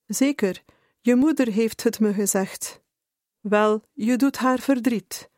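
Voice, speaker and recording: A woman voicing an older male parish priest who asks calm questions. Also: a little high, slow pace, no echo, clean studio sound. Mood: probing.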